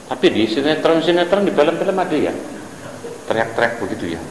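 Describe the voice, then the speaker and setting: A man's voice: on the high side, brisk. A man teaching a religious book study, joking and quizzing his audience as he goes. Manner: jokey, animated, quizzes the audience. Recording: echoey hall with light ambient noise.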